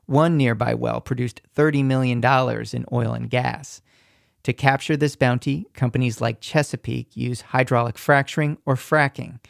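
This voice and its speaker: A man narrating a scripted radio feature report in a measured, descriptive way. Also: medium pitch, steady tone, vocal fry, no echo, clean studio sound.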